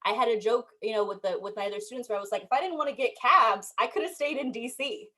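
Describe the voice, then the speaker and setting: A young woman from the United States, speaking as a panelist and telling her story in an animated, emphatic way. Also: on the high side, quick pace. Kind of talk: panel discussion.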